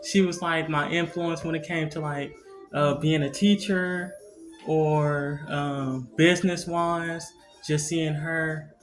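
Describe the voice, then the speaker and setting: A man's voice: a little high, fairly even intonation, slow, soft background music. A young man chatting at a family gathering, hesitant and full of ums. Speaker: son and teacher. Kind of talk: casual family chat.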